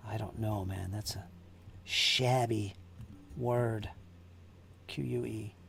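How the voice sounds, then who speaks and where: Over slight background noise, a male host chats casually as he paints miniatures for his stream, joking and mulling over how to pronounce words. His voice is on the low side, gravelly yet fairly bright, with a steady tone and an unhurried delivery.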